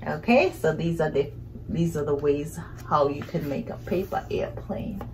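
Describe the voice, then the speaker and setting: A middle-aged woman with a voice that sits low reads a picture book to young kids at normal speed, background noise audible. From a couch in a small indoor living room, she improvises the narration expressively, asking questions and exclaiming.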